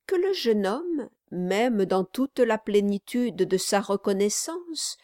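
A woman reading a classic novel aloud as an audiobook narrator, in a measured, deliberate way. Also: mid-range voice, sing-song, dark tone, dry recording, clean studio sound.

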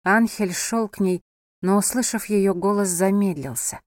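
A woman reads a novel aloud in an even, measured storytelling voice, at a middle pitch for a woman. She is recorded close on a studio microphone, with a dry, dead sound and no room echo. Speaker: audiobook narrator. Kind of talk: scripted narration of a novel.

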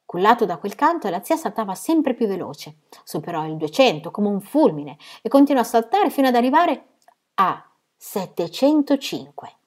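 A woman reading a novel aloud in steady, measured storytelling. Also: mid-range voice. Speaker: reader.

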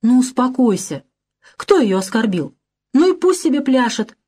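A woman reading an audiobook, voicing a gentle older man who softly soothes a sobbing girl. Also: a little high, very animated, moderate pace, husky, voice pushed up. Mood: soothing. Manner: soft, soothing.

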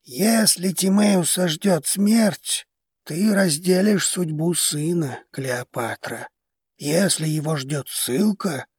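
A man's voice: on the high side, slightly rough, no echo, clean studio sound. A man playing a stern old head of a noble house who speaks curtly and strictly. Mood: harsh. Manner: stern, curt.

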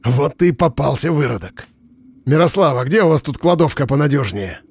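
A man reading an audiobook, voicing a gruff, sardonic middle-aged investigator. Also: fairly high pitch, expressive, fairly quick, darkish tone, dry recording. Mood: gruff, mocking.

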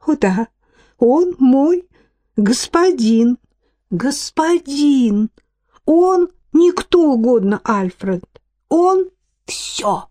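Woman reader doing a plaintive, self-pitying lady, swooping up high, mellow tone. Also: animated, measured pace. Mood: anxious, pleading. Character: fussy, emotional middle-aged woman. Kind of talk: audiobook reading.

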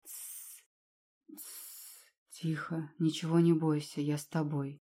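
A woman's voice: low-pitched, level tone, unhurried, mellow. Woman reading as a stern archdemon rector. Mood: tender hush. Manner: stern, authoritative.

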